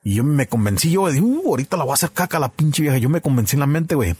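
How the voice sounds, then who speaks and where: A man's voice: fairly high pitch, sing-song, racing, a little mellow, breathy edge, dry recording, studio quality. A man telling a crude, slang-heavy story as a podcast host. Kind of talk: casual storytelling chat.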